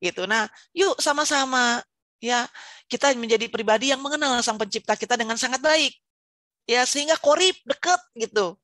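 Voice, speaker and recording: A woman with a somewhat high voice gives an Islamic parenting talk to an audience of parents. She speaks in a chatty way and often ends her sentences with small tag questions. Her voice is close and dry, with no room sound. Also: moderate pace, fairly bright tone, no room sound. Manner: chatty, asks rhetorical questions; tags sentences with "gitu ya".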